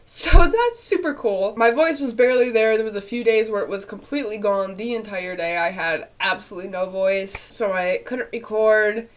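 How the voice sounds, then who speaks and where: A young woman, nasal and congested after being ill, chats casually to her webcam from a small bedroom at home, answering viewer questions. Her medium-pitched voice moves at a moderate pace with few pauses, rambling along with frequent fillers and laughs.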